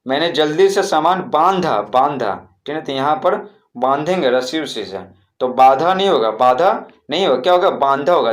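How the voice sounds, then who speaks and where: A man, teaching a primary school textbook lesson and often repeating words with frequent check-ins. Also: fairly high pitch.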